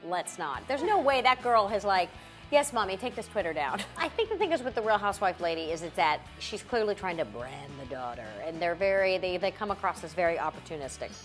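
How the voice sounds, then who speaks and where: A woman's voice: lowish voice, expressive, fast, hardly any pauses, faint music behind. A woman co-hosting a casual entertainment chat, chatty, blunt and joking, laughing often. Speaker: co-host.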